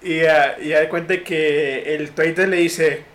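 Slangy high-voiced man telling stories. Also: unhurried. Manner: slangy, animated, acts out quotes in raised voices. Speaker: podcast host. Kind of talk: casual storytelling chat.

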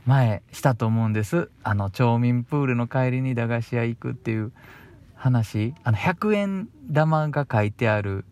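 A man's voice: medium pitch, a little mellow. A young man with a Kansai accent chatting alone on the radio in a casual, rambling way, sounding a little bashful and chuckling between thoughts. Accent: Kansai Japanese. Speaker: radio host. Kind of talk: casual solo radio talk.

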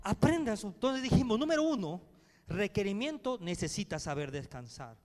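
Male pastor preaching, high voice, goes from shouting to soft, long church echo, faint music behind. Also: big pitch swings, brisk. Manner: swings between loud preaching and hushed speech; addresses the congregation directly with calls to respond. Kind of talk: sermon. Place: church hall.

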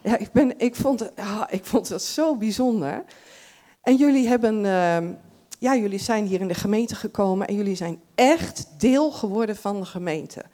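A woman's voice: mid-range voice, expressive, moderate pace, mellow. A woman giving a chatty farewell address at a church service, full of fillers and restarts.

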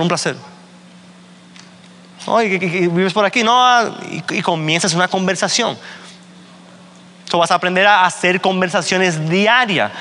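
A man's voice: sits high, sharp tone. A man giving a motivational talk at a business meeting, telling stories and often checking in with his listeners. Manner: storytelling, often asks "¿verdad?". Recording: long hall reverb.

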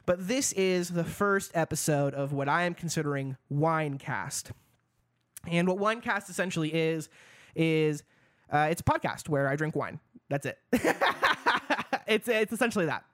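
A man's voice: on the high side, moderate pace, dry recording, studio quality. A man hosting a casual solo podcast, rambling loosely, swearing freely and breaking into hyped-up bursts. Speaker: podcast host.

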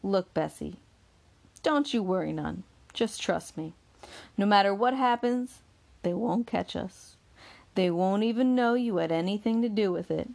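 A scheming, guarded young man speaks in short, blunt street talk, read by a woman. The voice is gravelly with a low, even tone, as in an audiobook. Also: unhurried. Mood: reassuring. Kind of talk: audiobook character reading.

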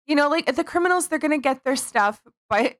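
A woman's voice: high-pitched, expressive, brisk, fairly bright tone, dry recording. A woman hosting a podcast, chatting in a giggly, rambling way. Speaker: podcast host. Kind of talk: casual comedic chat.

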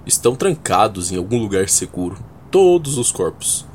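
A man's voice: fairly low pitch, sing-song, normal speed. A man playing a sly, teasing, flippant vampire in a radio soap opera. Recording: noisy recording.

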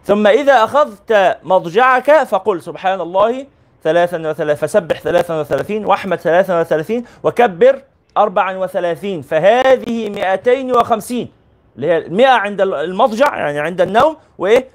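A man's voice: high-pitched, lively intonation, fast talker. A man teaching as a sheikh, reading a classical religious text aloud and explaining it in colloquial asides. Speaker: sheikh teaching a hadith book.

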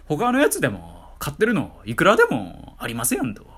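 A man's voice: a little high, wildly swooping pitch, fairly quick, fairly bright tone, breathy edge. A man with a Kansai accent talking alone in a casual monologue, making sardonic, ranting asides about phrases that bother him. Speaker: solo talk streamer.

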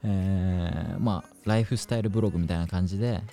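A man's voice: low-pitched, fairly quick, creaky, dark tone, soft background music. A man in his twenties from Kansai, chatting casually and politely as a podcast host in standard Japanese mixed with some Kansai dialect. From Kansai, Japan, moved to Tokyo area as a teen. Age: 20s. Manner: polite casual speech, mixes in English words.

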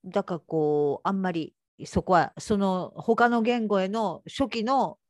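A woman from Nagasaki chatting on a podcast, quick, playful and self-mocking. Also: medium pitch, no echo, studio quality. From Nagasaki, Japan. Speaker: podcast guest. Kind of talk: casual podcast chat.

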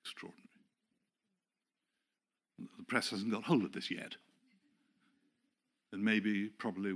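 A man's voice: fairly low pitch, a bit bright, slightly rough. An older man from England preaching a sermon, chatty and self-deprecating, telling stories and acting out the people he quotes. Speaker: pastor.

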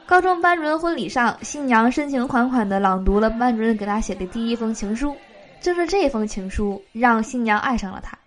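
A woman's voice: on the high side, fairly quick. A woman hosting a show, reading short jokes aloud and laughing at her own punchlines. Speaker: host.

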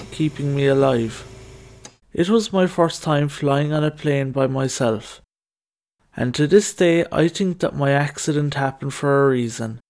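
A man's voice: fairly high pitch, darkish tone. A young adult man with a Kerry Irish accent, reading a scripted first-person documentary narration over music. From Ireland. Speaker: documentary narrator telling own story.

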